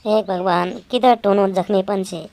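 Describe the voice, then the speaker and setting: A woman voicing a greedy, scheming woman in an animated story, muttering and exclaiming to herself. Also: mid-range voice, normal speed, no room sound, close to an everyday voice. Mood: frustrated.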